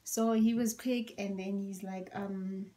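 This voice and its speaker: A young woman vlogger tells a story in a casual, animated way, acting out quotes and slipping into whispered asides. Her voice is deep and tired after a workout, and she speaks slowly.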